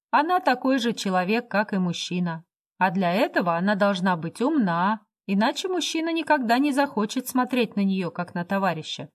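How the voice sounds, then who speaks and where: A woman's voice: mid-range voice, natural voice. An earnest workman lectures sternly about right and wrong, as a woman narrator reads his lines. He is preachy and firm.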